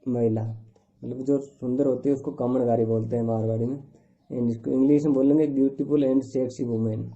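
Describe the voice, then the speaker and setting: Man slowly teaching words over a tinny line. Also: medium pitch, warm tone. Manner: slow, repetitive listing of words with translations. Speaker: language teacher. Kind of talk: word-by-word vocabulary lesson. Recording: tinny phone-like recording.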